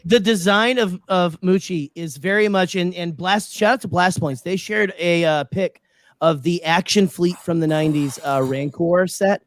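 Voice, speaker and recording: A man co-hosting a casual recap podcast, excitable and rambling, restarting his sentences. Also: high voice, moderate pace, dry recording. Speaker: podcast co-host. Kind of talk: casual chat.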